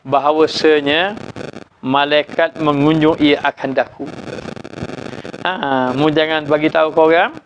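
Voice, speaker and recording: Male Malaysian religious teacher, lecture delivery, a little high-pitched, dull lo-fi sound with faint traffic behind. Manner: explains by repeating, frequent "ha" interjections. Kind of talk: religious lecture on a classical text.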